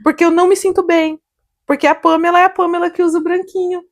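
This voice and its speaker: A young Brazilian woman, a salon owner, telling animated stories on a casual podcast, laughing often and acting out what people said. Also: extremely high pitch, fast. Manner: animated storytelling, laughs often, acts out quotes.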